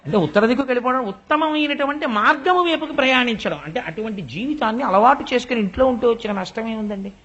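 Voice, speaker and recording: A man's voice: very high-pitched, fast, few pauses, slightly rough. An older man giving a spiritual discourse, telling stories and acting out the voices of the people in them. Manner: animated storytelling, acts out quoted voices. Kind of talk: Telugu religious discourse. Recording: dull lo-fi recording.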